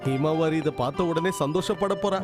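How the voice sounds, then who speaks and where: A woman voicing a soft-hearted bearded father in a dubbed cartoon, cooing and baby-talking to his infant daughter. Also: low voice, fairly quick, lightly acted. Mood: proud. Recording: music behind the voice.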